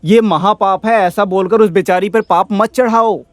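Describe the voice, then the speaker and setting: This is a stubborn old village landlord, dubbed by a man for a film. The voice sits very high and sounds dry and close, with no room around it. He talks in a defiant, self-pitying way and refuses to give in. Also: fairly even intonation, moderate pace, no room sound, natural voice. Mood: sulky. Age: older. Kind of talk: Hindi film dub.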